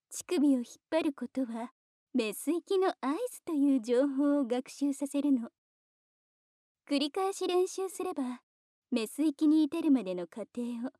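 A woman voicing a teasing, commanding dominant woman in a whispered ASMR roleplay, speaking slowly and coaxingly with soft whispers. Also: high-pitched, no echo, studio quality.

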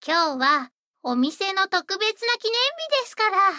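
A woman's voice: very high voice, lively intonation, a little slow, bright, forceful tone, no room sound, clean studio sound, exaggerated voice. A woman voicing a sweet, eager young maid-café hostess who speaks politely and dotingly. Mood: cheerful. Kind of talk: roleplay audio drama.

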